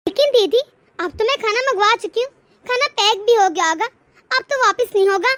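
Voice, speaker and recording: A woman voicing a complaining, sharp-tongued young wife in a cartoon story. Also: very high-pitched, brisk, a little hiss or hum. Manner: whiny, indignant.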